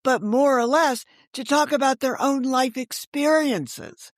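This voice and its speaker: Around seventy, this author and audio drama creator is a chatty, candid interview guest who shares casual anecdotes and performs the remarks she quotes. She speaks high and a little slowly, recorded dry at studio quality.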